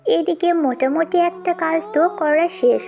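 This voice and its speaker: A woman narrating an audio drama, steady and storytelling. Her voice sits high. Faint music plays beneath her. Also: a little slow, vocal fry.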